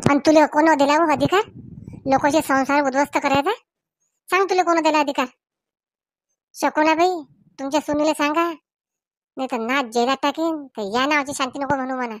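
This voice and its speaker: A woman playing a loud, quarrelsome village woman, scolding and accusing. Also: high-pitched, fairly even intonation, fairly quick, long pauses, dry recording, studio quality, lightly acted. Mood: angry. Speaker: comic skit character.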